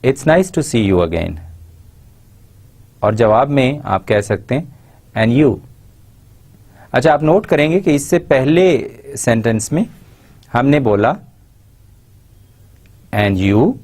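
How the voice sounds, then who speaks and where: A man giving a recorded university lecture, explaining in Urdu and reading English example phrases slowly and carefully. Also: mid-range voice, darkish tone.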